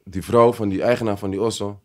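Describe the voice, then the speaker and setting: A man hosting a podcast, telling stories in a casual, animated way full of street slang. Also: fairly low pitch, fast talker. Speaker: podcast host. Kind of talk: casual chat.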